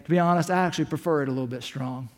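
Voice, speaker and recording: A man voicing a patient, fond old husband in a sermon story, speaking soft and low. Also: racing, lightly acted. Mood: tender. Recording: long hall reverb.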